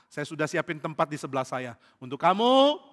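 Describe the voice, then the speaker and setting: A man playing a grumpy, loud old prophet's ghost. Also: on the high side, big pitch swings, fairly quick. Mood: scolding. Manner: loud and scolding. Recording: reverberant church hall.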